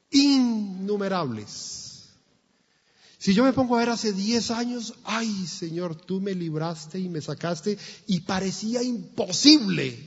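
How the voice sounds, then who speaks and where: A man preaches a sermon in a church. His husky voice sits high, and he speaks slowly and with emphasis, often repeating himself and asking questions. The recording is dull and has a long church reverb. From Colombia. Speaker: pastor.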